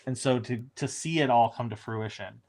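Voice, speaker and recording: A man's voice: medium pitch, normal speed, a little mellow. A man, a showrunner, chatting casually in an interview, rambling with frequent restarts and fillers.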